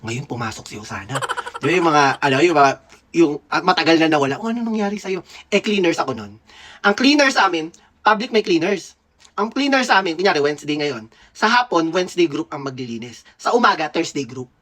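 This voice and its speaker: A man's voice: fairly high pitch, expressive, a little fast, a bit bright. A man in his thirties from the Philippines, a dentist telling a school memory in casual, playful, gossipy storytelling. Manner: gossipy, playful, laughs often. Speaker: dentist vlogger.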